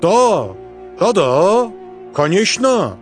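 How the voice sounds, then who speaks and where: A man voicing a calm, laconic man from Baku with an Azerbaijani accent and terse, unhurried phrasing. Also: high-pitched, faint music behind, voice pushed up, heavily acted.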